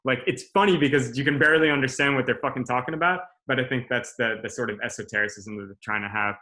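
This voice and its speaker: A man's voice: medium pitch, quick pace. A man in his thirties giving a casual class talk, loose and profane, full of fillers and restarts. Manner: relaxed, swearing, many fillers and restarts. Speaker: strategy director presenting a class. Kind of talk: casual presentation over video call.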